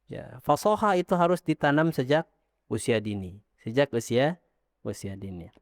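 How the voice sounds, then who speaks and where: A man teaching Arabic pronunciation, modeling syllables slowly for his students to repeat, then correcting and praising them patiently. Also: medium pitch, lively intonation, dry recording, clean studio sound. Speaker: Islamic teacher.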